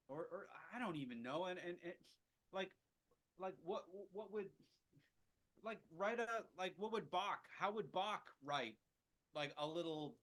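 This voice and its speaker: A man's voice: fairly high pitch, fairly bright tone. A man leading a casual jazz improvisation lesson, rambling with lots of restarts and fillers. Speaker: jazz teacher.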